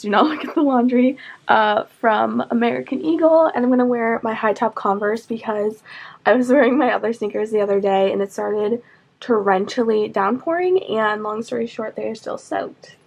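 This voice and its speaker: A woman's voice: a little high, moderate pace, creaky, darkish tone, dull audio. Chatty young woman vlogging from her dorm. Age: young adult. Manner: chatty and upbeat, with frequent "like" fillers. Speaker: college student vlogger. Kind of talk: casual vlog chat. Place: dorm room and around campus. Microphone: handheld camera held close.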